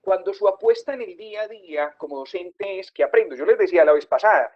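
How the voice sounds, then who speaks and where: A woman's voice: mid-range voice, lively intonation, fairly quick, lo-fi sound. A woman giving an online teacher-training lecture, emphatic and putting questions to her audience. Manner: emphatic, questions the audience and reads their comments. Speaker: university lecturer.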